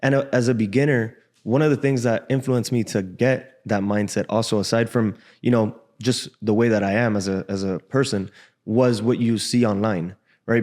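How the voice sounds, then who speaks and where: A man in his twenties, born in Cuba and raised in Miami, speaking as a guest in a casual, frank interview in a podcast studio on a boom mic. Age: 20s. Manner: relaxed, frank, casual slang. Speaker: guest trader. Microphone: desk boom mic.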